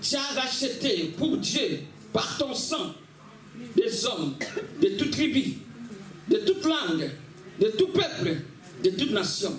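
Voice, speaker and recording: A man preaching a sermon in French, pausing for an interpreter and calling out alleluia. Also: very high voice, very animated, crowd noise. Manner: fervent, calls out alleluia, quotes scripture. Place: church hall. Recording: echoey church from a distant mic with congregation.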